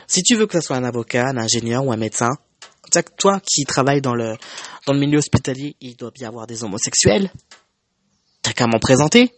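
A young man recounts a painful personal story in a casual, emotional monologue, often stumbling and restarting his sentences. His voice sits in an average middle pitch. The sound is dry and close, with no room echo. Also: animated, a little fast. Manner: emotional, conversational, many fillers and restarts. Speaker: vlogger.

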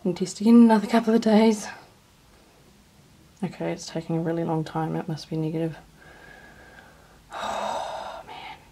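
A woman talks to her own handheld camera in a nervous, shaky way, often sinking into a breathy near whisper. Her voice is husky with a gravelly fry, pitched in a middle register. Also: a little fast, long pauses, warm tone. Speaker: vlogger. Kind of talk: casual vlog narration.

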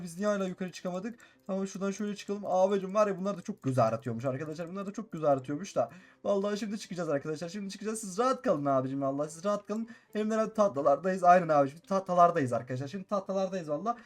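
A man playing a Minecraft role-play and commenting excitedly, repeating his phrases and constantly addressing viewers. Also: high voice. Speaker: gaming YouTuber.

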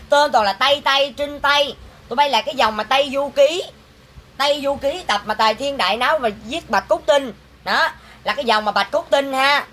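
A vlogger, ranting to viewers in an exasperated, sharp-tongued, scolding way about fake orders. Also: female voice, a little high, a little hiss or hum. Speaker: vlogger selling goods online. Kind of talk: angry casual rant to viewers.

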